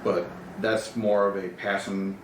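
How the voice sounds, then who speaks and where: A man with a very low voice talks loosely in a casual interview, often breaking into laughs. He sounds set back from the mic in an echoey room, with a faint hiss underneath. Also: little pitch movement, measured pace, far from the mic. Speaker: podcast guest, actor.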